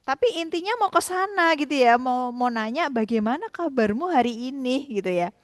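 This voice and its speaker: Young woman, student presenter, casual chatty explainer, higher voice, dry close recording. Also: animated, no echo. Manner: chatty, frequent tag fillers, slowly acts out example phrases.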